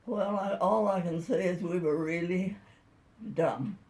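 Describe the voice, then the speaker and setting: Really old lady, like 100+, slow folksy storytelling, rambles along casually. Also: on the low side, fairly even intonation, mellow, breathy edge. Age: over 100. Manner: rambling, folksy, plain-spoken. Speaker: interviewee recalling childhood.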